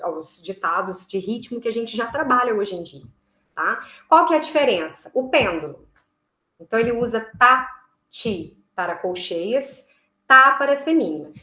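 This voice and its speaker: A woman teaches a music lesson, explaining step by step and pausing to check that her students follow. Her voice sits a little high, and she slowly chants rhythm syllables to demonstrate. The room gives her voice a noticeable echo. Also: fairly bright tone. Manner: explains patiently, checks in with frequent "tá?". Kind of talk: recorded online class. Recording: echoey room.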